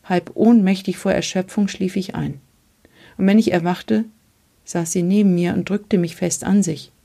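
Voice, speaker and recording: A woman reads a literary memoir aloud in a measured and earnest way. Her voice has a gravelly fry and a husky, breathy edge. Her tone is dark and mellow. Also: lowish voice, fairly even intonation. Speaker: reader.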